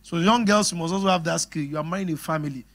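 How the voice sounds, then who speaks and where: Fast-talking and on the high side, a middle-aged Nigerian-accented pastor delivers an animated sermon about marriage. He talks straight to the congregation and laughs often.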